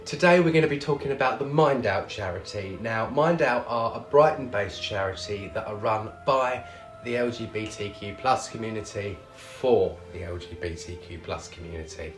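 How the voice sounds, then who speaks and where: A man's voice: lowish voice, normal speed, faint music behind. A man hosting a show as a drag queen, with a camp, cheeky, theatrical manner. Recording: roomy echo on the voice.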